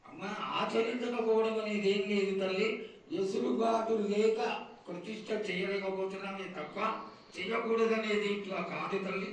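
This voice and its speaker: A man's voice: high-pitched, steady tone, normal speed. A man speaking as a priest, addressing an oracle in a reverent, pleading way. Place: temple festival. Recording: echoey, distant from mic, faint noise.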